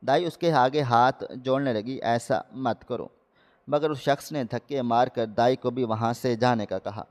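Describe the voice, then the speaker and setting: A man's voice: medium pitch, fairly even intonation, darkish tone, in a large hall. Man narrating a dramatic moral story.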